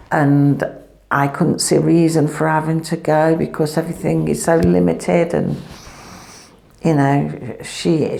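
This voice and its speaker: A woman's voice: low-pitched, vocal fry, warm tone. Chatty woman in an echoey empty room. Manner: rambling, chatty, loses her words. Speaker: family vlogger. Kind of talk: casual vlog chat. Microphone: clip-on microphone.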